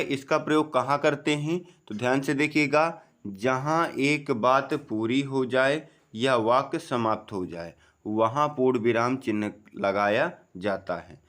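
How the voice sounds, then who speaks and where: A man giving an exam-prep grammar lesson, slowly explaining, asking and answering his own questions, often saying "okay" and "friends". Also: a bit bright. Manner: drops low on the answer words. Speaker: teacher.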